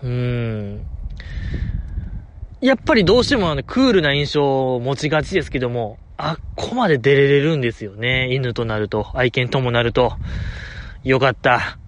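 A man's voice: medium pitch, animated, moderate pace, slight background noise. A man with a Kansai accent hosting a solo talk show, chatting with enthusiastic, chuckling fan banter. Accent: Kansai Japanese. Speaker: podcast host.

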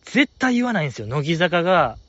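A man's voice: fairly high pitch, big pitch swings, quick pace, a bit bright, no room sound, lo-fi sound. A man with a Kansai accent hosting a podcast, chatting casually and enthusiastically about listener letters with a rambling, filler-heavy delivery. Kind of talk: casual fan chat.

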